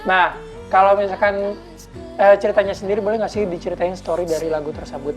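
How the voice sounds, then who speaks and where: A woman's voice: mid-range voice, steady tone, quick pace, soft background music. A young adult woman hosting a casual TV interview, chatty and upbeat as she turns to the viewers. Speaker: TV show host.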